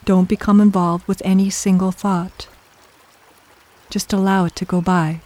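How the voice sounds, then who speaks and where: A soft, soothing voice guiding a meditation in slow, measured phrases with long pauses between them. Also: mid-range voice, level tone. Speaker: meditation guide. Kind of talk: guided meditation, scripted narration.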